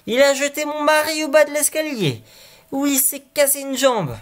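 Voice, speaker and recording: A man's voice: very high-pitched, animated, normal speed, a bit bright, voice pushed up. A man reading a fairy tale aloud, voicing a village woman, the sexton's wife, anxious and then indignant. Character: distraught angry sexton's wife.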